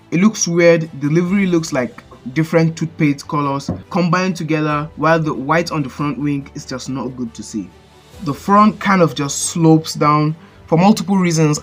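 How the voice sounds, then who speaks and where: This channel host's voice is a little high and a bit bright, carrying a Nigerian accent. He voices a casual list countdown, giving blunt opinions laced with jokes.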